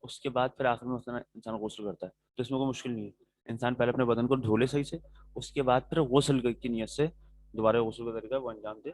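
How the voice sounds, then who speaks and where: A man's voice: mid-range voice, steady tone, a little mellow, no echo, rough recording. A male religious teacher giving a classroom lecture on religious rulings. He explains step by step, answers his students' questions directly and keeps checking that they follow.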